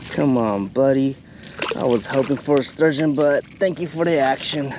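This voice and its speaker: A man's voice: medium pitch, fairly even intonation, normal speed. A man in his thirties giving casual vlog commentary on his fishing trip, laid-back and chatty with lots of fillers, recorded outdoors on a shoreline with an action camera. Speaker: fishing vlogger. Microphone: action camera, hand-held or chest-mounted. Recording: faint outdoor noise.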